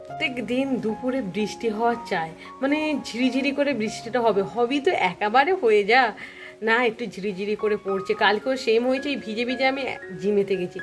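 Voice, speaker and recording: A woman's voice: a little high, fairly quick, faint music behind. A woman with a Bengali accent chatting casually to viewers in a daily vlog, recorded outdoors on a phone. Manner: chatty, talks to viewers and coaxes her child. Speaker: vlogger. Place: outdoors by fields, then at home.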